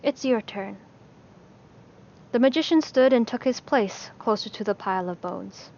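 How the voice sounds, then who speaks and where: A woman narrating a fantasy story in a measured, steady storytelling voice. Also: on the high side. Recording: slightly dull lo-fi recording.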